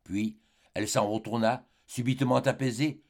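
A man narrating a literary audiobook in a measured, dramatic way, with short phrases and pauses. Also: medium pitch, steady tone, a little mellow. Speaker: audiobook reader.

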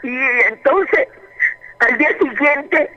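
A woman's voice: high voice, lively intonation. Woman caller on a muffled phone line. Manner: fervent, repetitive, halting storytelling. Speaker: radio call-in caller. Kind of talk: emotional personal testimony. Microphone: telephone.

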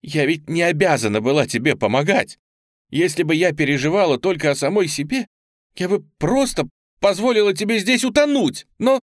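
Man doing a raised-voice young woman chef, fiery, indignant, lively swings in tone, dry sound. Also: fairly high pitch, normal speed, no room sound, pitched above the performer's own voice, natural voice. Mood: hurt. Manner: sharp, indignant, near tears. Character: fiery young woman cook, proud and hurt.

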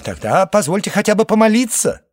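Male reader as a frantic alien egg, high and wailing, begging for mercy. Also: sing-song, a little fast, no echo, studio quality. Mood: panicked. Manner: wailing, pleading, breaking into shouts. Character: panicky alien egg creature, male, a family man, hysterical and pleading.

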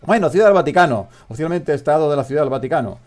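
A man's voice: on the high side, lively intonation, very fast, a little mellow. A man hosting a casual comedic radio chat, rambling and joking and often trailing off mid-sentence. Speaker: podcast host.

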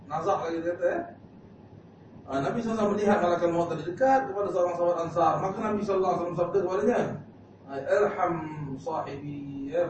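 Preacher in an echoey hall. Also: male voice, high-pitched. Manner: conversational, with frequent fillers and questions to the audience. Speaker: religious teacher. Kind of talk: mosque lecture storytelling. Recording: echoey hall, distant mic, dull lo-fi sound with hiss.

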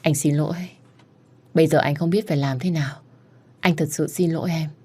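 A low, soft voice gives a hesitant young husband, apologetic and torn between two women, as a woman reads him out. It is spoken in an audiobook romance story. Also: steady tone, brisk, slightly rough.

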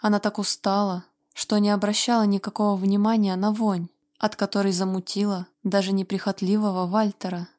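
Female audiobook narrator, steady and measured, mid pitch. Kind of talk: scripted narration.

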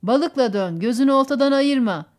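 A woman voicing a calm adult man, a father on a fishing boat, in an audiobook reading with a plain, gentle manner. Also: medium pitch, fairly quick, lightly acted. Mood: steady. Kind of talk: audiobook character voice.

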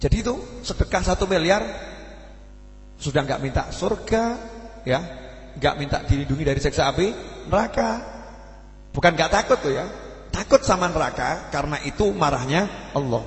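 Javanese male preacher, lively and questioning, recorded in a reverberant hall. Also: on the high side. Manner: animated, acts out quotes, asks the audience questions. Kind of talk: sermon. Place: mosque hall. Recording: echoey hall.

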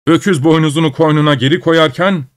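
A man reading a folk tale aloud as a storyteller, lively and expressive, with acted-out exclamations. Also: a little high, brisk. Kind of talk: scripted narration.

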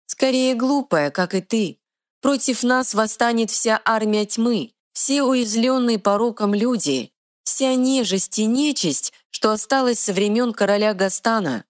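A woman voicing a tiny, sharp-tongued female fairy guardian with quick retorts, in a dry close recording. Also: a little high, dry recording, pitched above the performer's own voice, natural voice. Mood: feisty.

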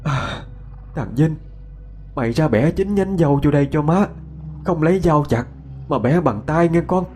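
A man's voice: fairly high pitch, expressive, moderate pace, pauses often, a little mellow, a little hiss or hum, pitched above the performer's own voice, natural voice. Man playing a firm Southern Vietnamese mother. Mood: commanding. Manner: firm, commanding, urgent. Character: desperate middle-aged mother, commanding.

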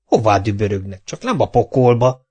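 A man reading an audiobook voices a proud, gruff medieval Hungarian warlord who growls his lines in indignation. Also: fairly low pitch, animated, darkish tone. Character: bold mighty medieval Hungarian male warlord.

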